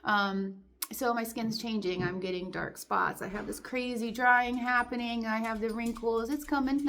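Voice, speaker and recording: A woman in her forties talking straight to the camera in a candid, emotional and defiant vlog, full of fillers and restarts. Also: medium pitch. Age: 40s. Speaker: vlogger.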